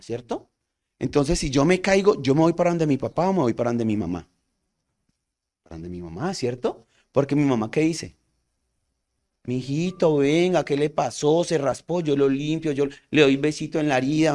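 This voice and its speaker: A man's voice: a little high, a little mellow. A man teaching a community first aid class. He asks the audience questions and answers them himself. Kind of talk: community training talk.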